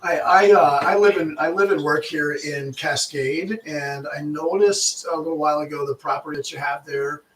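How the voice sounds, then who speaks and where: A man's voice: fairly high pitch, moderate pace, few pauses, a bit bright, recorded from a distance. A man, a real estate agent chatting casually and making live calls, restarting his phrases and laughing easily. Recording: echoey room, voice off-mic.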